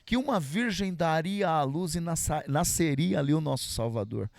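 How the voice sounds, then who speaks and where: A man's voice: a little high, expressive, normal speed, creaky, a little mellow, no room sound, studio quality. A middle-aged man, telling his life story as a podcast guest in casual street slang. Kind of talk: casual testimony.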